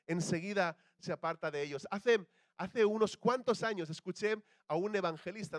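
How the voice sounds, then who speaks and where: Preaching conversationally, a young Spaniard asks his listeners questions and performs the voices of the people he quotes. The recording is dry, and his voice sits slightly high.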